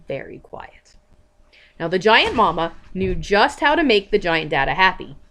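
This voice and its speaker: A young woman telling a made-up story to a small child, slowly and expressively, stopping to ask questions. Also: fairly high pitch, a bit bright. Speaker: parent telling a bedtime story.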